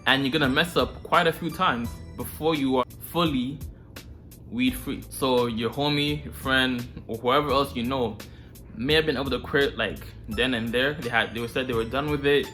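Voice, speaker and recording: This self-improvement series host addresses the viewer directly, keeping his advice casual, slangy and informal. He's a man with a mid-range voice and a sharp tone.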